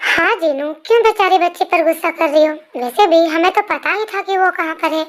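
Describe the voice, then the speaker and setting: A performer voicing a soft-hearted father who gently coaxes his daughter, in an amateur fan dub voice-over. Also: extremely high pitch, brisk. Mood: coaxing. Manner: gentle, coaxing.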